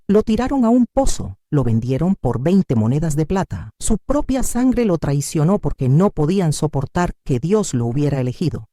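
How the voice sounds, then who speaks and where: A woman narrates a devotional message in a dramatic, emphatic preaching style. Her pitch rises and falls widely, while her tone stays dark and mellow. The recording is dry and close. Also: no room sound.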